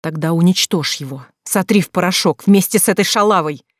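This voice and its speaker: A narrator voicing a furious, betrayed young wife who shouts crude accusations in an audiobook. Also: mid-range voice, brisk, no echo, studio quality, natural voice.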